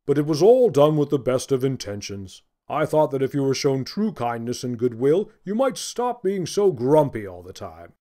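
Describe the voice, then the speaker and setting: A man voicing a kindly, jolly old Santa figure with a warm, coaxing manner in a children's audiobook. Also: mid-range voice, very animated, normal speed, hardly any pauses, natural voice. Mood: warm, confessing.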